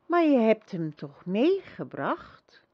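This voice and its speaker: A woman voicing a gentle young girl empress who speaks softly, calmly and reassuringly in a storybook reading. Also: on the high side, slow pace, dry recording, muffled recording, exaggerated voice. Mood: serene. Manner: soft, calm and reassuring.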